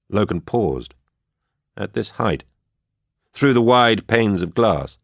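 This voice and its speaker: A man reading a story aloud in a steady, measured way for a book club. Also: lowish voice, creaky, no room sound, studio quality. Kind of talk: audiobook-style narration.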